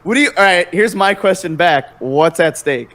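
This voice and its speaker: A man's voice: sits high, lively intonation, moderate pace, fairly bright tone. A young man as a podcast guest, chatting casually and telling laid-back stories, with the odd swear word. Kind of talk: casual chat.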